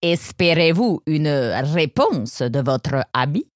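A woman's voice: sits low, very animated, slow, no echo, studio quality, full character voice. A woman doing a slick, playful shopkeeper. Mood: smooth persuasive. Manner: salesy, playful, drops foreign words. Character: smooth-talking male parrot-post shopkeeper. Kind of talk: audiobook character voice.

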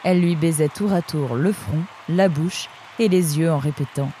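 A woman narrating a children's animal story with an expressive reading. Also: sits low, moderate pace, slight background noise.

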